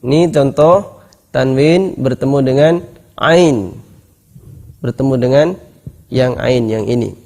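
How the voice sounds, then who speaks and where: Man teaching Quran recitation slowly. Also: mid-range voice, creaky, darkish tone. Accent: Indonesian. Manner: explains, then recites examples slowly and repeats them. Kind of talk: tajwid lesson with chanted examples.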